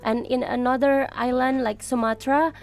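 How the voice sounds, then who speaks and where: A woman's voice: high-pitched, steady tone, moderate pace, gravelly, darkish tone, faint music behind. A young woman with an Indonesian accent, chatting casually as a podcast co-host and explaining with many restarts. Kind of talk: casual chat.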